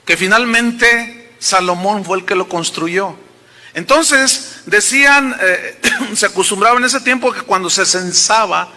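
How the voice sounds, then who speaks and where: A male pastor preaching a sermon, telling stories and moving between quiet asides and raised emphasis. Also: sits high. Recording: long hall reverb.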